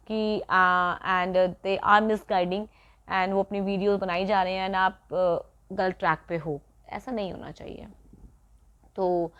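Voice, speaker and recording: Woman, English teacher, earnest, advising, casual lesson to camera, mid-pitched voice. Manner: earnest, advising, speaks directly to the viewer. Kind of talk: casual spoken English lesson, mixing Hindi and English.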